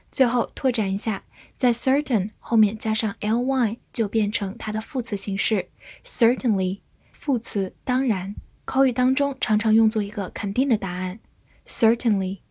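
A woman teaching English vocabulary in a scripted lesson, spelling each word letter by letter and reading example sentences slowly. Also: fairly high pitch, a little mellow, slightly rough, dry recording.

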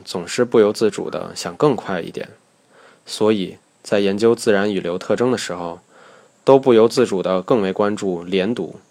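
A man whose first language is Chinese, giving a scripted lesson in a measured, explanatory way, slowing down to demonstrate words. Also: deep voice, darkish tone. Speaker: English teacher.

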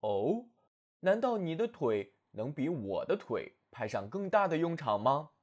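A man voicing a small, proud, quick-witted male hedgehog in a storybook reading, in a slightly lowered, husky voice. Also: very animated. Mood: mocking. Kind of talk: storybook narration.

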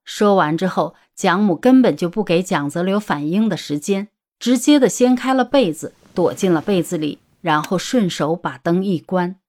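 Low-voiced woman narrating a story. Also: lively intonation, moderate pace, hardly any pauses, a little mellow. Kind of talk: scripted audiobook narration.

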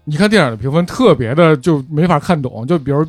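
A man's voice: fairly high pitch, lively intonation, fairly quick, dry recording, clean studio sound, faint music behind. A man, chatting casually and reminiscing as a panelist on a podcast.

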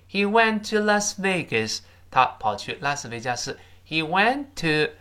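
Animated male English teacher drilling pronunciation. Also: mid-range voice. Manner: drills pronunciation, repeating English phrases loudly and slowly; switches between explaining and reading aloud. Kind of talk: spoken English lesson.

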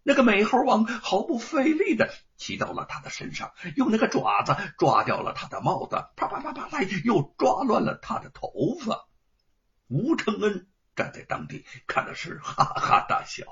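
A man narrating a story in an animated, dramatic storytelling manner. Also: high-pitched, moderate pace, husky. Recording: dull lo-fi recording.

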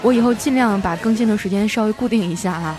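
A woman hosting a comic storytelling podcast, chatty and lively, stretching out her sentence endings. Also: medium pitch, fast talker, music in the background. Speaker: host.

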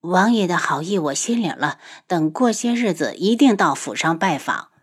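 A woman voicing a proud young martial woman whose voice is hoarse from poison, in an audiobook. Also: fairly low pitch, animated, normal speed. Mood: bitter. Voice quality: husky, hoarse. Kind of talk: audiobook character voice.

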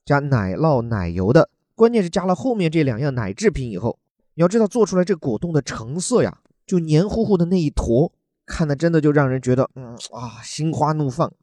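A man's voice: on the high side, sing-song, a little fast, mellow, dry recording. A man from China, teaching English words from a news article in a chatty, joking way and spelling words out letter by letter.

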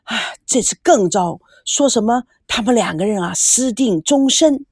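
Woman playing a nervous old family servant: breathless, fretful, lively, storybook read. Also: a little high, normal speed, slightly rough, dry recording, clean studio sound. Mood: anxious. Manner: breathless and anxious. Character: flustered older male household servant.

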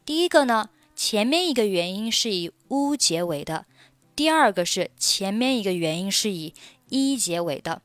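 A woman teaching English pronunciation, repeating each phrase slowly before explaining it. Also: medium pitch, big pitch swings, dry recording. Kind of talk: slow instructional pronunciation lesson.

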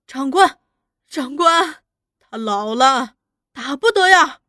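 A woman's voice: high-pitched, animated, takes it slowly, a bit bright, no echo, studio quality, exaggerated voice. A woman voicing a frightened old peasant woman who begs tearfully for mercy. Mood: pleading. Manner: tearful begging.

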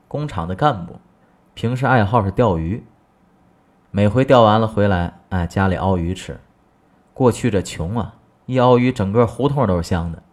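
Lively man telling a comic story. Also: lowish voice. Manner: lively, chatty, conversational.

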